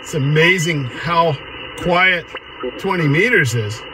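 An amateur radio operator and vlogger, likely in his 50s or 60s, chats casually from inside his car as he runs a ham radio. The American man's voice sits on the high side, with lively intonation and a slow delivery, over a backdrop of radio static and noise.

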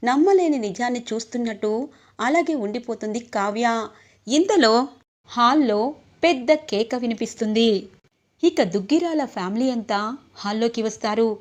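Higher-voiced woman recapping a serial. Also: moderate pace, pauses often. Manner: steady storytelling, reads every character's lines in her own voice. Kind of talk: retelling a TV serial episode.

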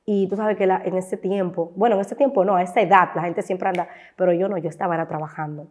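A Dominican-accented woman, a content creator appearing as a talk show guest, tells her personal story with emotion and acts out voices she remembers. She speaks fast in a fairly low, steady voice with a darkish tone.

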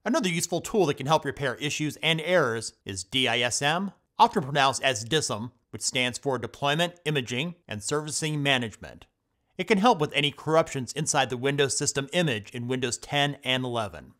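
A man's voice: mid-range voice, brisk. Man narrating a step-by-step tech tutorial. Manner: steady step-by-step instructing. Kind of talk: scripted screen-recording voice-over.

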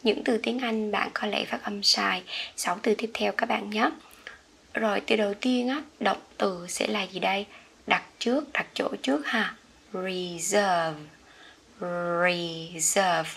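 A woman with a Vietnamese accent teaching English pronunciation, repeating each word slowly for learners. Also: medium pitch, creaky, fairly bright tone, breathy edge. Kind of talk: slow pronunciation lesson.

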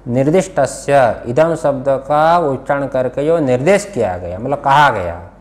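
A man with a Hindi-speaking Indian accent teaches a scripture class, explaining a text, questioning his students and repeating key words. His medium-pitched voice has lively intonation, a measured pace and a slightly mellow quality.

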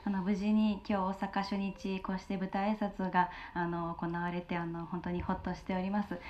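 A woman's voice: mid-range voice, monotone, moderate pace, a little mellow, dull audio. A woman cast member giving a formal, polite stage greeting. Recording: clear background noise.

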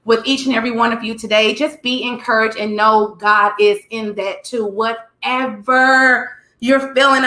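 A woman preaches live in a fervent, repetitive style, mixing exhortation with casual, colloquial asides. Her voice is bright and sits a little high. The recording has a roomy echo. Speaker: host of a faith livestream.

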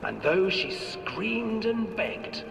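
A man narrates a grim storybook tale in a hushed voice that turns whispery now and then. His pitch runs high and swings widely, and he takes his time. He sounds far from the mic in a long, echoing hall, with music beneath. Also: very animated, very slow, vocal fry. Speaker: game narrator.

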